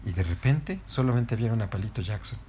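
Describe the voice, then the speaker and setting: A woman narrating a bedtime story to her child in a playful, animated way. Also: extremely low pitch, brisk, slight background noise. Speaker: mother telling a bedtime story.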